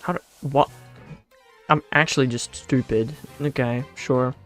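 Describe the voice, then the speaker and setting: Soft music plays behind a young man from the Netherlands as he livestreams a game, relaxed and slangy, responding to chat and muttering to himself while playing. His Dutch-accented voice is mid-range and fairly bright, with fairly even intonation and a slightly slow pace.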